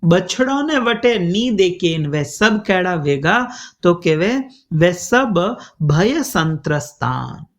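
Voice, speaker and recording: A man's voice: sits high, a bit bright. A man telling a devotional story as a sermon, chanting verses and acting out the voices of its figures. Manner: slow, sing-song storytelling with Sanskrit verses and acted voices. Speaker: preacher telling scripture stories. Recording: dull lo-fi recording.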